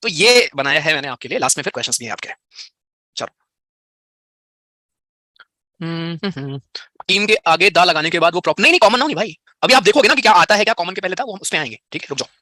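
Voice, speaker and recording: Young male grammar tutor with an Indian accent, quick and high-pitched, chatty with his live class. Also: lively intonation, sharp tone, no echo, clean studio sound. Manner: chatty, explains in Hindi with English terms, answers students' chat questions. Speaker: English grammar teacher. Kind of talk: live online class explanation.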